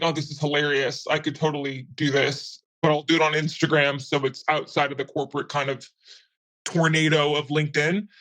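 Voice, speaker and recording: A man's voice: fairly high pitch, a bit bright, rough recording. Man with a disguised, altered voice. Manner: chatty and candid, loose rambling sentences. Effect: voice altered for anonymity. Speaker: interviewee, meme page admin. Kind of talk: casual interview chat.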